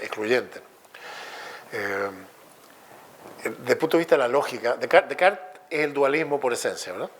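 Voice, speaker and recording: A man with a Chilean accent giving a public lecture, telling lively stories and jokes. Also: medium pitch, a little hiss or hum. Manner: lively storytelling with jokes and acted dialogue.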